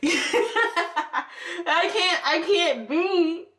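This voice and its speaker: A young woman chats to her viewers in a playful, rambling way, her voice bright and swinging widely in pitch. She laughs easily as she talks. The mic sits some distance away with faint noise underneath. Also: expressive, very slow. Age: young adult. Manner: talks with her eyes closed. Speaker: beauty vlogger. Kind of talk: casual chat to camera.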